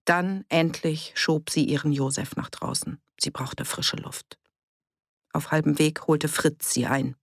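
A measured audiobook narrator with a gravelly, creaky voice. The reading is steady and scripted, recorded close in a dry booth. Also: medium pitch, no room sound. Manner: even, measured storytelling.

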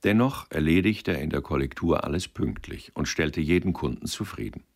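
Very deep, gravelly male narrator. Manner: measured, expressive. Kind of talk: audiobook reading of literary fiction.

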